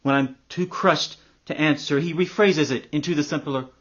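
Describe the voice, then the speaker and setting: A man playing a husky, profane, embittered man. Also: fairly high pitch, moderate pace, dull audio. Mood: hushed, wry. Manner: sardonic and profane, hushed storytelling turning to loud ranting. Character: embittered middle-aged man, crude, vindictive, sardonic. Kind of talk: acted dramatic monologue.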